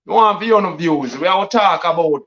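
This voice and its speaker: A man with a Jamaican accent hosting a casual live stream as a DJ. He speaks in a patois-laced, repetitive hype style full of shout-outs. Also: high voice, animated, moderate pace. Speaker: DJ and livestream host. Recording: dull lo-fi stream audio.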